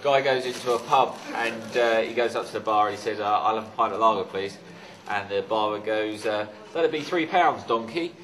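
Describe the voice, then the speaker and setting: A man telling a joke slowly and hesitantly, with uhs. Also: fairly low pitch, flat delivery, a bit bright. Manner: slow, hesitant.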